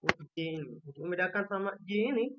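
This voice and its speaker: A Turkish language teacher from Indonesia giving an online lesson with a shared screen, patiently repeating each letter sound slowly to show how it is pronounced. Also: medium pitch, animated, dull audio.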